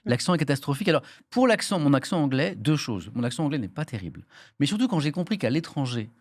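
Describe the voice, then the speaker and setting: Man hosting a talk show, quick lively delivery, playful and teasing, dry studio sound. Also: a little high, no room sound. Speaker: host.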